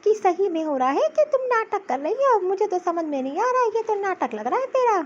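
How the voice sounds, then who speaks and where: Lady doing a shrill bossy old mother-in-law, nags nonstop, very high squeaky voice, dull lo-fi sound. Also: very animated, a little fast. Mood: suspicious. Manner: scolding, nagging. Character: scheming old mother-in-law, stout, sharp-tongued. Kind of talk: cartoon voice acting.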